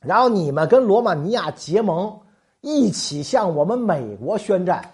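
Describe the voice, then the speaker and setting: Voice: mid-range voice, big pitch swings, moderate pace, darkish tone, lightly acted. A storyteller voicing a flustered, baffled rookie male government clerk in a comic history tale. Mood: exasperated. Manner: baffled, exasperated, crude.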